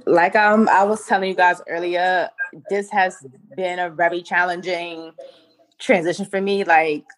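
A woman's voice: lowish voice, fairly even intonation, measured pace. A young woman from New York on a casual podcast, speaking hesitantly with many fillers while holding back tears. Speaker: podcast co-host. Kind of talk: casual personal chat.

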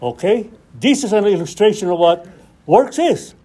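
A man's voice: sits high, animated, normal speed, warm tone, breathy edge. A man leading a Bible study, preaching and acting out scripture dialogue with rising questions.

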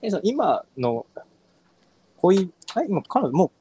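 A man from northern Kyushu, Japan, co-hosting a podcast in relaxed, chatty conversation, often trailing off and restarting. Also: high voice, slow, a little hiss or hum. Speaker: podcast co-host. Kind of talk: casual chat.

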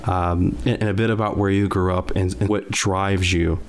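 A man's voice: low-pitched, level tone, moderate pace, slight background noise. A man hosting an interview, asking long, thoughtful, winding questions. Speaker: podcast host.

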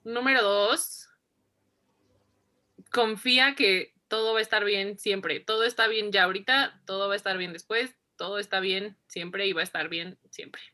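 A woman's voice: mid-range voice, fairly even intonation, normal speed, sharp tone. A woman, reflecting in a casual interview, who repeats herself and laughs often. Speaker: interview guest.

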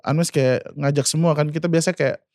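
A man in his twenties, a singer and guest, telling an emotional personal story in a halting way, full of fillers and speaking of himself by name. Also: fairly high pitch, fairly even intonation, darkish tone, no room sound, studio quality. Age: 20s.

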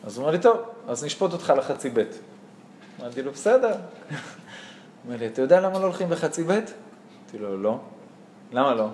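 A young man giving a Torah lesson, telling army and rabbi stories with acted-out dialogue and frequent laughter. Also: mid-range voice. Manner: animated, acts out dialogue, laughs often. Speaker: Torah teacher. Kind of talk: lively storytelling lesson. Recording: echoey room with faint noise.

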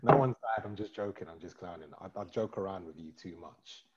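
Deep voiced dude hosting a chill podcast, joking around, kinda muffled audio. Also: male voice, a little fast, heavy background noise. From East London. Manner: joking, laid-back, rambling. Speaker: podcast host. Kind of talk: casual chat about astrology.

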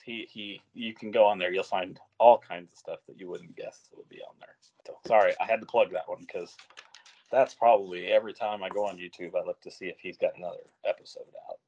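A man's voice: lowish voice, brisk, darkish tone, lo-fi sound. A man co-hosting a casual podcast chat, rambling and laughing often, making fun of himself. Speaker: podcast co-host.

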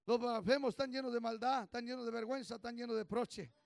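A male pastor preaching a fervent sermon, swinging from low murmurs to shouts, leading call-and-response and slipping into English phrases. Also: fairly even intonation, fast talker, vocal fry, clear, resonant tone, no echo, clean studio sound. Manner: call-and-response, urging the congregation to repeat. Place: church service.

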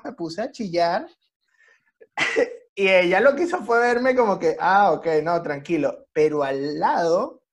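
A Venezuelan man hosting a casual chat, telling lively stories and laughing often. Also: high voice. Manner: animated storyteller, laughs often.

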